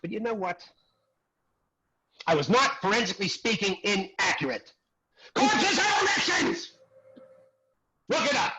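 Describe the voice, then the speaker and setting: A man's voice: high voice, normal speed, long pauses, very noisy. A man playing a brash, crude acting teacher. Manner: crude, animated, swings between mutter and loud outbursts. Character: brash crude male acting teacher, former dead extra. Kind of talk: comic stage monologue.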